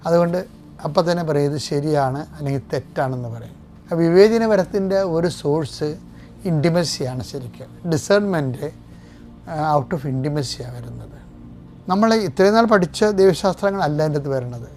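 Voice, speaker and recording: Older man, priest, fervent sermon, sudden loud emphasis, faint music behind. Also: fairly high pitch, moderate pace. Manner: leads congregation in repeating scripture line by line. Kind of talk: sermon with prayers.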